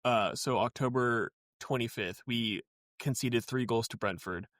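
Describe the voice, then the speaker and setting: A man's voice: mid-range voice, a little slow, fairly bright tone, dry recording, studio quality. A man co-hosting a casual podcast, chatty and wry with a glum edge, often trailing off into fillers. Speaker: podcast co-host.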